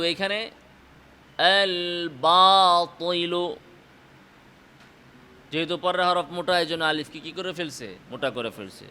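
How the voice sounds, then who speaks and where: A man with a Bangladeshi Bengali accent teaching Quran pronunciation, explaining in quick bursts and then chanting the example words slowly and drawn out. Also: fairly high pitch, fairly bright tone, a little hiss or hum.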